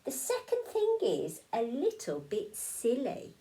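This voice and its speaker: A woman's voice: a little high, huge pitch swings, slow pace, voice pushed up, full character voice, rough recording. A woman doing an eager, upbeat fish friend. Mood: encouraging. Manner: bright, eager, coaxing. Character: cheerful, encouraging young fish friend.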